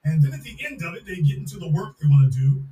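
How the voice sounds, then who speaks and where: Warm in tone yet fast and animated, this man's voice sits on the high side. He hosts a live-stream podcast, ranting emphatically and repeating slogans with a mocking edge, recorded roomily on a distant mic.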